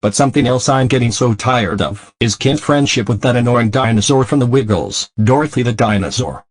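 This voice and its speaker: A man's voice: medium pitch, fairly quick, dry recording, natural voice. A man voicing a delinquent cartoon car, a scheming troublemaker who stiffly narrates his own plans. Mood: bored, resentful. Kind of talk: scripted cartoon monologue.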